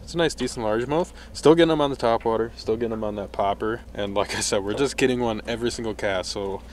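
A man's voice: lowish voice, fast, slight background noise. A young man giving upbeat running commentary while fishing from a small boat on a lake, recorded on a handheld camera. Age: young adult. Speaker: fishing vlogger. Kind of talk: casual outdoor vlog commentary.

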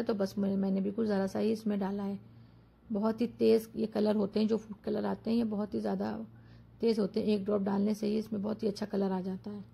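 Woman with a low gravelly voice. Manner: calm step-by-step explaining. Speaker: cooking vlogger. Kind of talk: voice-over narration of a cooking demo.

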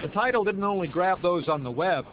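A man in his fifties reporting a news segment from an office newsroom, in a brisk, measured reporter's manner. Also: high-pitched, animated, phone-quality sound, crowd noise. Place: office newsroom with desks and computers.

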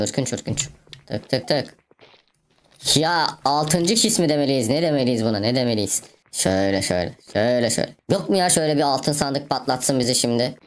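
A woman giving playful, chatty let's play commentary to her viewers, peppered with mouth sound effects. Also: rumbling low. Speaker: gaming video host.

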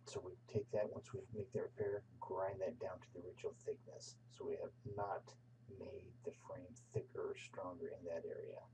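A man with a very low voice talks through a lecture over slides, stopping often with fillers as he teaches. He sits back from the microphone, and a steady hum runs under his voice. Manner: halting, with many fillers. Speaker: instructor. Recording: distant mic with steady hum.

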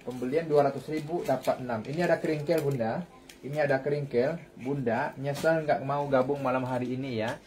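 A man in his thirties, selling clothes live online, delivers a hawker-style pitch full of repetitive calls, recorded by phone in a shop. His medium-pitched voice is steady and darkish, and he talks fairly quickly.

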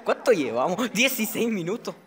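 A young man playing an online game with friends, excitable, swearing and repeating shouted phrases. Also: high-pitched, brisk. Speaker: gamer host. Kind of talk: excited multiplayer gaming chat. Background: friends talking over each other.

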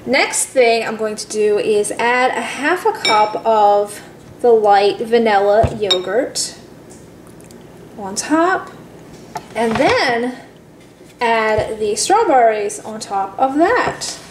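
Woman, cooking demo, slightly high voice, unhurried talk, echoey kitchen, faint background hiss. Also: animated. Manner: chatty, addresses viewers as guys. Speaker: cooking channel host. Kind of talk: step-by-step cooking demonstration.

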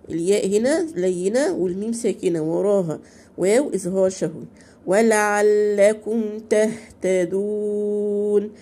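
Egyptian woman, dark mellow voice, slow drawn-out reciting then quick explaining. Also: mid-range voice, husky. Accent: Egyptian Arabic. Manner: asks questions and answers them herself. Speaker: Quran recitation teacher. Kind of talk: beginner tajweed lesson.

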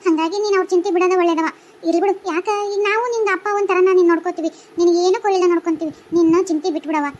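A woman voicing an older ghost mother in a cartoon, calmly advising in a North Karnataka Kannada accent. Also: extremely high pitch, racing, pitched below the performer's own voice. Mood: soothing. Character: kindly older female ghost mother, soothing.

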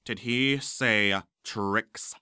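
A man voicing a sneering, spitting male potions professor in a storybook reading, drawing his words out in a low snarl. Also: sharp tone, clear, resonant tone, no echo, studio quality, exaggerated voice. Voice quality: slow, snarling.

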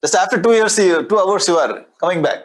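Speaking into a lapel mic in an indoor studio with a display board behind him, a spiritual teacher in his sixties explains scripture in a brisk, conversational lecture. His South Indian accent colors a slightly high, husky voice, and he keeps circling back to key phrases.

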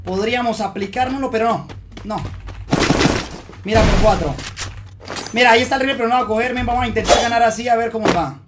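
A man streaming live gameplay, chatting to viewers and muttering to calm himself down during fights. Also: extremely high pitch, very fast, loud music behind the voice. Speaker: gaming streamer.

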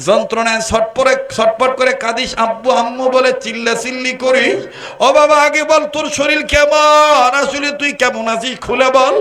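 A woman's voice: on the low side, a bit bright, natural voice. A male preacher voicing an elderly mother who pleads tearfully with her son, in an echoey sermon recording. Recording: echoey sound system.

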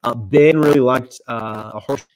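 A man's voice: mid-range voice, a little slow. A man co-hosting a podcast in casual chat, rambling with many ums, his mic clipping and distorted. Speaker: podcast co-host.

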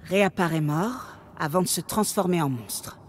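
A woman voicing a calm, analytical investigator in a dubbed video game, speaking in an even, measured way. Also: on the low side, slight background noise, close to an everyday voice. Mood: puzzled. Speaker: game character.

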